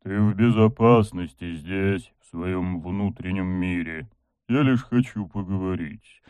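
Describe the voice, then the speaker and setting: A man voicing an ancient, sealed dark god in a fantasy audiobook, heard as a disembodied voice from the darkness, low and rumbling, speaking softly and coaxingly. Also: smooth, dry recording. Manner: slow, soft, coaxing. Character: ancient sealed dark god, huge, soft-spoken and sinister. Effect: disembodied voice from the darkness, filtered and distant. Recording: narrow phone-like filter.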